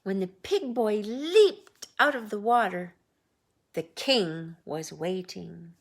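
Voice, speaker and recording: Slow, creaky-voiced woman reading a storybook. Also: medium pitch. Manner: expressive, with drawn-out phrases and sound words. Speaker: storybook reader. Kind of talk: picture-book read-aloud with casual asides.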